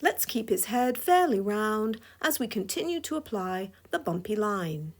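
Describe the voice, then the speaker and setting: A drawing instructor with a scratchy, mid-range voice narrates a tutorial, playful and chuckling often. She is very animated but keeps a measured pace.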